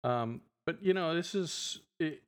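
Here the speaker is a middle-aged male podcast co-host with a clear, resonant voice that sits on the high side. Unhurried and relaxed, he chats casually, wandering from point to point and leaning heavily on fillers.

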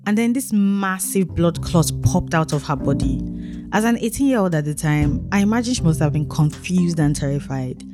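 A woman's voice: on the low side, expressive, normal speed, music in the background. A woman hosting a podcast, reading conversational narration between interview clips. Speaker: podcast host. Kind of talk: scripted narration.

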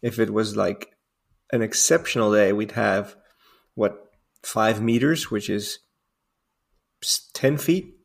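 Dutch guy in his 40s, gravelly voice, rambly chatty podcast guest laughing at his own stories. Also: on the low side, slow pace, long pauses. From Netherlands. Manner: rambling, self-amused storytelling with frequent fillers. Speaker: guest diving instructor. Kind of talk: casual podcast interview.

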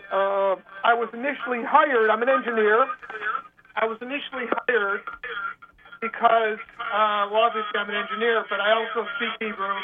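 High-voiced man over a tinny phone line. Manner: halting, earnest storytelling with restarts. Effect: voice heard over a phone line. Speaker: author and interview guest. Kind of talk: telling his own story in an interview.

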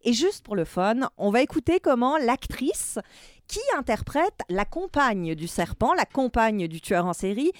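A woman's voice: a little high, very animated, measured pace, no echo, clean studio sound. A woman, chatting as a culture columnist on a radio show, emphatic and laughing often. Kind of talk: casual radio chat.

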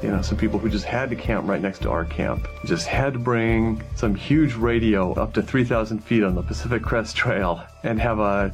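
A man, an author, telling wry personal anecdotes and acting out the remarks he quotes. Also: on the low side. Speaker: author telling the story behind a novel. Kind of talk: anecdotal storytelling. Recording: music laid under the voice. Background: background music.

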